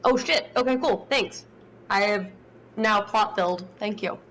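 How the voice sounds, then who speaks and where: A woman's voice: mid-range voice, a little slow, fairly bright tone. A woman chatting casually as a player in a tabletop role-playing game. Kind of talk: casual chat during a game.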